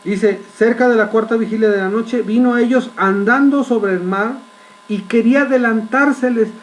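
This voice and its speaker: High-voiced man preaching a sermon. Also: low-quality recording. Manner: asks the congregation frequent rhetorical questions; vivid storytelling with dramatic pauses.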